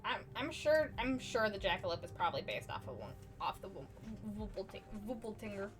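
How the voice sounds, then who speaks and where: A woman's voice: mid-range voice, big pitch swings, a little fast, soft background music. A woman streamer chatting casually at home on her couch, rambling and poking fun at herself. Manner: rambling and self-deprecating, with frequent "like" fillers. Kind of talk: casual chat while drawing on a live stream.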